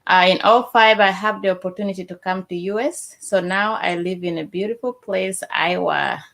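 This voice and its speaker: A woman's voice: mid-range voice, normal speed, creaky. Cheerful woman from Uganda. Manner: cheerful, laughing softly. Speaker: guest author. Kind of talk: casual self-introduction.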